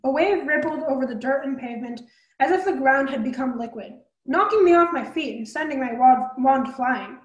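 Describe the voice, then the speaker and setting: A woman reading a fantasy novel aloud as a storyteller, brisk, with small slips and restarts. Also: high voice, reverberant, muffled recording.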